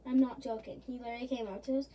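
A woman's voice: fairly high pitch, little pitch movement, very fast, mellow. A woman giving rambling, silly commentary while playing a video game. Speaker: gaming video creator. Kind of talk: gameplay commentary. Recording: noisy background.

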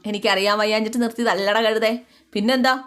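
A woman's voice: mid-range voice, steady tone, quick pace, fairly bright tone, smooth, close to an everyday voice. A woman voicing an irritated young elder brother who grumbles at his sibling. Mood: grumbling.

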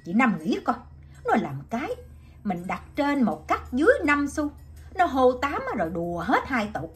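A woman's voice: sits high, big pitch swings, normal speed, faint music behind. A woman voicing an angry, quarrelsome male laborer who blusters and threatens in a storybook reading.

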